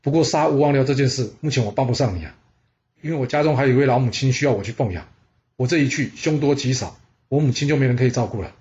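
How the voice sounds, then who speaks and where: A man's voice: medium pitch, fast talker, dull audio, natural voice. Zhuan Zhu, a man doing an earnest butcher hero. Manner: raised excited voice. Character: humble brave male butcher, earnest and startled.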